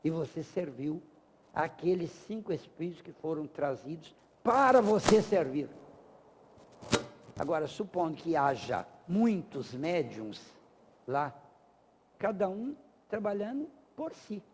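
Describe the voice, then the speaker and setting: A man's voice: a little high, sing-song, takes it slowly, husky. A man lecturing a class at a spiritist center, emphatic and rhetorical, acting out little dialogues to make his points. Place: lecture hall of a spiritist association. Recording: long hall reverb.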